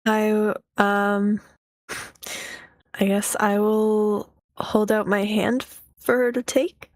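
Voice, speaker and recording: A woman plays a tabletop role-playing game in casual talk. Her pace is slow, her pitch sits in the middle, and the sound is dry and close. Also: little pitch movement, no room sound.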